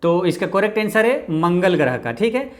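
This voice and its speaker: A man with a Bihari Hindi accent teaching exam-prep quiz answers, often dropping low and quiet for "keep this in mind". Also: sing-song, normal speed. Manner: repeats "ye dhyan rakhna hai" with a low, quiet drop.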